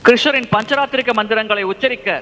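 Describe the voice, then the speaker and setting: A man interprets a lecture phrase by phrase in a high, bright voice. His delivery is fluent and steady. Long reverb from a hall trails behind his words. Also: fast, a little hiss or hum. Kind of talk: consecutive translation of a lecture.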